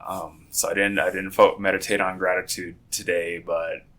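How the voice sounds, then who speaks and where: Low-voiced man with a groggy morning voice. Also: little pitch movement, normal speed, fairly bright tone. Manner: rambling, with frequent restarts and self-corrections. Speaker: podcast host. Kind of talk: casual podcast chat.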